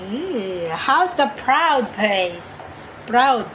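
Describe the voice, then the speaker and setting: High, lively Filipino mom coaxing a toddler. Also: female voice, drawn-out words, slight background noise. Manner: coaxing, giggly, sing-song prompting. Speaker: mother. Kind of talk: playful home video with toddler.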